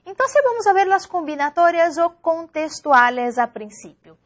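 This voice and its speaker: A woman with a high voice, speaking as a teacher giving an online lecture. She lays out each idea step by step and keeps checking in with a quick "perfecto." Her delivery is measured and explanatory. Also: sing-song.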